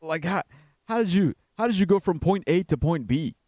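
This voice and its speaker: A man's voice: a little high, lively intonation, moderate pace, dark tone, dry recording, clean studio sound. A young man streaming a game, rambling in casual commentary and swearing often. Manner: rambling, profane, says "bro" and "like" a lot.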